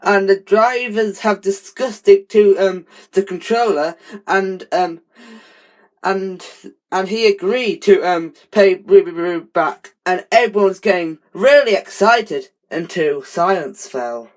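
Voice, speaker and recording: Slow, halting young male storyteller. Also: high voice. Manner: halting, makes it up while going. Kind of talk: improvised amateur children's story narration.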